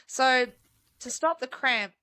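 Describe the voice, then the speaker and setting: A woman's voice: high-pitched, slow pace, bright, forceful tone, smooth, dry recording. A woman, a mountain guide chatting enthusiastically as a podcast guest, with lots of fillers. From New Zealand. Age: 30s. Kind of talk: casual interview chat.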